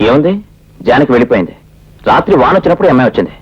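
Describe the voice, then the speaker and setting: A man's voice: medium pitch, lively intonation, very fast, husky. An actor playing a young man who indignantly defends himself to his father and grandfather. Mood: protesting. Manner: indignant, protesting. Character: defensive young husband protesting his innocence. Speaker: son and husband. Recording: dull old film soundtrack with music.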